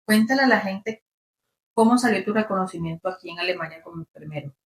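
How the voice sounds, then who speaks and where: A woman's voice: medium pitch, fast, breathy edge. A woman hosting an interview, asking questions in a friendly, encouraging way. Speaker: interviewer, channel host. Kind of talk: casual interview.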